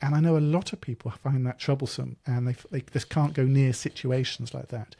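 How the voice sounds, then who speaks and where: Podcast host, man, thoughtful and rambling, dark gravelly voice. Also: medium pitch, steady tone, fairly quick. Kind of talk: interview chat.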